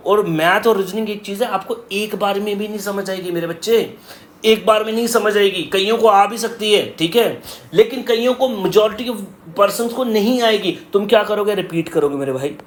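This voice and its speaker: A man's voice: high-pitched, moderate pace. A male coaching teacher giving students blunt, direct exam advice, repeating his key points. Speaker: coaching teacher for competitive exams. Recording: roomy echo.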